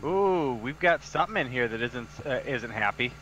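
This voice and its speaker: A man's voice: mid-range voice, animated, moderate pace, a bit bright. A man playing a farming game with friends, chatting casually and ribbing them in a dry, matter-of-fact way. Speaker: co-player on a stream. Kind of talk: casual gaming chat. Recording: dull lo-fi mic with faint noise.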